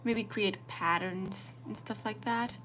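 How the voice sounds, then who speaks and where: Young Portuguese-accented woman, relaxed chatty vlogger voice, faint noise behind. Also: medium pitch, slow pace. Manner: chatty, relaxed, talks to viewers while drawing. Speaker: planner artist and vlogger. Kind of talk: casual live-stream chat while journaling.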